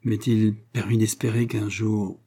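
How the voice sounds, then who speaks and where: A male narrator voicing a serious, reserved gentleman in an audiobook, speaking with grave sincerity. The voice stays dark and mellow, with a husky edge. Measured and earnest, never showy. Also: lowish voice, little pitch movement. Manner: grave and earnest, rising in warmth. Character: earnest, reserved gentleman suitor, grown man. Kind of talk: audiobook character reading.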